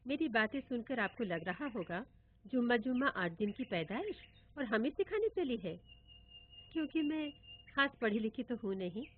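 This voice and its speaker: A woman telling a first-person story in a wistful, reminiscing, expressive way. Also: on the high side, normal speed. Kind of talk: dramatic first-person monologue reading. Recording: tinny phone-like audio with faint hiss.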